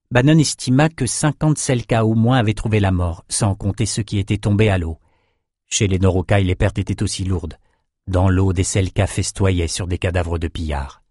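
A man narrating a fantasy novel in a measured, steady reading voice. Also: on the low side, dry recording, studio quality. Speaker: audiobook narrator.

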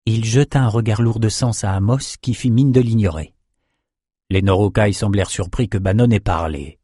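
A man reading a novel aloud as narrator in a measured, even way. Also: fairly low pitch, breathy edge, dry recording, studio quality. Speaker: audiobook narrator. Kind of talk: scripted narration.

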